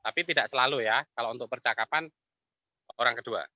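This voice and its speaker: A man teaching an Arabic class, explaining patiently and repeating phrases slowly. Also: mid-range voice, bright, forceful tone, dry recording. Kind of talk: online class lecture.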